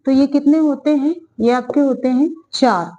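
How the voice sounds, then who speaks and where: A woman's voice: high-pitched, moderate pace, dark tone, lo-fi sound. A woman teaching a Hindi grammar lesson for exam preparation, who repeats her phrases and asks questions that she then answers herself, drawing out vowel sounds as she demonstrates them.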